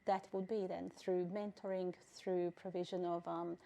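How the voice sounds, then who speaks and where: She is a middle-aged Bosnian woman presiding over a refugee council, answering interview questions with thoughtful restraint, frequent pauses, and filler words. The voice is fairly low and level, with a creaky, dark sound.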